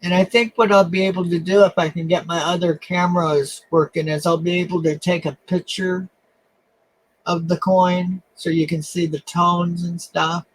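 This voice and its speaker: A man hosting a casual coin live stream, talking in a halting, self-deprecating way with lots of fillers. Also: high-pitched, flat delivery, a little hiss or hum, rough recording. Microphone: webcam.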